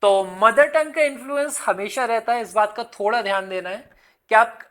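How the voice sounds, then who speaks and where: A man's voice: very high voice, moderate pace, pushed and bright. A male English exam teacher giving a casual online lesson, chatty, slipping English words into his Hindi and calling viewers "son". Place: in Hyderabad.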